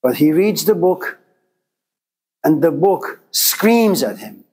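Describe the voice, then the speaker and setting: A male teacher of Persian background lectures to a class, speaking rhetorically and hammering his points home through emphatic repetition. His voice is slightly high and a little mellow with a breathy edge, very animated yet slow.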